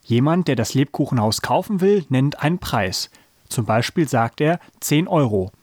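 Man reading a kids' story with expression, dry close sound, mid-pitch voice. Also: normal speed, no room sound. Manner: expressive, amused reader. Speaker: podcast host reading a story. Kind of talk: storybook reading aloud, then casual chat.

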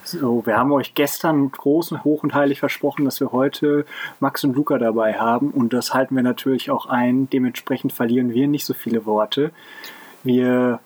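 A man co-hosting a podcast and reading a children's Christmas story aloud in a calm, steady way. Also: medium pitch, moderate pace. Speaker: podcast co-host and story reader.

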